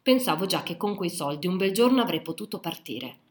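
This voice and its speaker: Woman, audiobook narration, calm, measured, lowish voice, echoey room. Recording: roomy echo.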